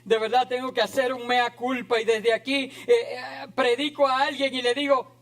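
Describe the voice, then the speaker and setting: A man's voice: very high voice, flat delivery, normal speed, a bit bright. A man preaching an impassioned, emphatic sermon as a pastor in a church.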